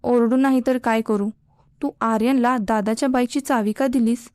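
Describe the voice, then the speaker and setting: A woman's voice: fairly high pitch, steady tone, moderate pace, a little mellow, no echo, clean studio sound, close to an everyday voice. A woman playing a bossy, stubborn college girl. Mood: insistent. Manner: insistent, scolding.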